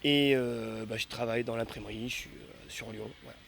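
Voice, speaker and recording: A man's voice: mid-range voice, fairly even intonation, brisk, creaky, fairly bright tone, slight background noise. A man in his twenties, a festival volunteer, answering interview questions with hesitant fillers. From France. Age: 20s.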